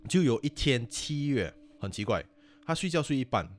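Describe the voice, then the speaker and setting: 一位新加坡口音的年轻男子，用夹杂英文的华语随意地讲鬼故事。. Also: male voice, mid-range voice, normal speed, faint music behind. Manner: animated, mixes English words into Mandarin. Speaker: podcast guest storyteller. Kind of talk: casual ghost-story chat.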